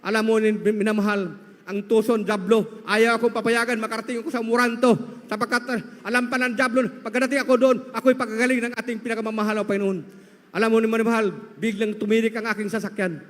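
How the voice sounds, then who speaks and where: A man's voice: high-pitched, flat delivery, fast, fairly bright tone. A man giving an emotional testimony to a church congregation, telling his story and often addressing the listeners as beloved. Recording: long hall reverb.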